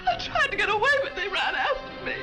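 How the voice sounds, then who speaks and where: An actress playing a gentle, self-blaming young wife who speaks in a pleading, tearful way. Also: female voice, fairly high pitch, lively intonation, moderate pace, close to an everyday voice. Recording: dull 1950s TV soundtrack with music.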